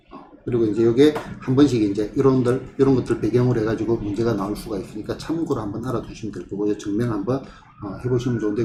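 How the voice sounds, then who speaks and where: A man's voice: mid-range voice, dark tone. A male math tutor working through problems and checking in with rhetorical questions. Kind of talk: classroom problem walkthrough. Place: tutoring classroom. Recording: echoey room with faint ambient noise.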